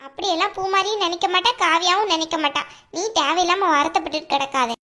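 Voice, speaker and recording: A woman voicing a caring, chatty middle-aged aunt in a cartoon, with a southern Tamil Nadu accent and a brisk, scolding manner. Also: very high-pitched, steady tone, bright, forceful tone. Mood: concerned. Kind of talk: cartoon voice acting.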